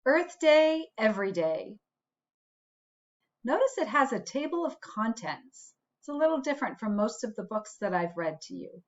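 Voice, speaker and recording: A woman principal shares a picture book with children, reading in a fairly high voice that is expressive, deliberate and teacherly, with asides directed at her audience. The sound is lo-fi and dull.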